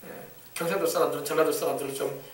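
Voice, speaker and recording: A man's voice: on the high side, steady tone, rapid-fire. A man pastor preaching a sermon with emphasis, often repeating words and calling out hallelujah. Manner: emphatic, repetitive, calls out hallelujah. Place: church sanctuary. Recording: echoey church hall from far off.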